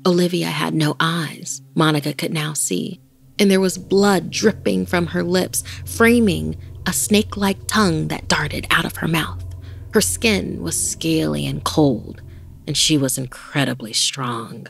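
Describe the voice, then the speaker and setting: A woman's voice: sits low, measured pace, gravelly, slight background noise. A woman host narrating a horror story in a dramatic scripted style. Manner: dramatic, varying pace with the tension. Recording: faint music bed.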